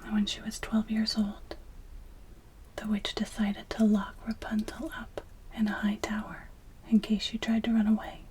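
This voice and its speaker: A woman's voice: mid-range voice, a little mellow, rough recording. Woman whispering a fairytale close to your ear. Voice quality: breathy, unvoiced whisper. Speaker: storyteller. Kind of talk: whispered ASMR fairytale reading. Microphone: close ear-to-ear microphone.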